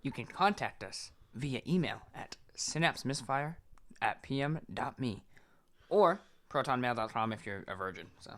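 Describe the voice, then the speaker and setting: In a casual back-and-forth between friends, a male podcast co-host keeps things crude, jokey and full of swearing. He has an expressive, slightly bright mid-range voice and a moderate pace.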